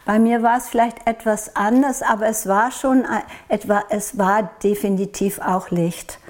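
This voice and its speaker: Soft-spoken, hesitant woman from Norway. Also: a little high. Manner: hesitant, searching for words, soft and reflective. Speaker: interviewee. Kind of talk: recounting a personal experience in an interview.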